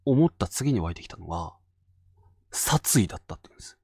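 A man from Fukushima leads a ghost story session and narrates the tale himself. His pitch rises and falls dramatically as he builds the suspense, and he often sinks to a hushed voice at the tense moments. The sound is dry and close, with almost no room echo. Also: sing-song, quick pace, slightly rough. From Fukushima Prefecture, Japan. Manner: dramatic storytelling, drops to hushed tones for tension. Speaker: ghost story teller and host.

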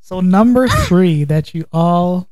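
A man's voice: high voice, wildly swooping pitch, slow pace, a little mellow, no echo, rough recording. A man hosting a casual comedy game, teasing and prodding with questions into a handheld mic. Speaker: host of a comedy panel game. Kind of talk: casual joking banter. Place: living room, indoors. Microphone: handheld microphone.

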